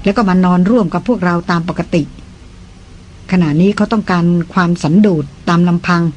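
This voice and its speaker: A reader doing a soft-spoken, gentle man. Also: sits high, steady tone, normal speed, muffled recording. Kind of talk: audiobook dialogue.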